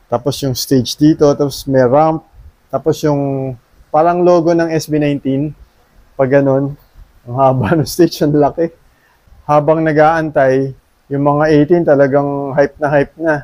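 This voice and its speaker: A man's voice: a little high, mellow, no echo. A middle-aged man from the Philippines, recapping a concert in a chatty casual vlog, often tagging his sentences with questions. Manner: chatty, frequent tag questions. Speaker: vlogger.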